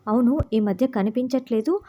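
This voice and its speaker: A woman's voice: on the high side, moderate pace, warm tone, close to an everyday voice. A woman storyteller voicing a nosy middle-aged watchman who asks prying questions. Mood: curious. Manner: curious, prying.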